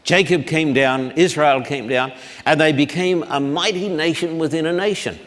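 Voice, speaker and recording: A long hall reverb colors this recording of a man's public Bible lecture at a blackboard. His slightly high, fairly bright voice moves slowly and deliberately, pronouncing long names syllable by syllable.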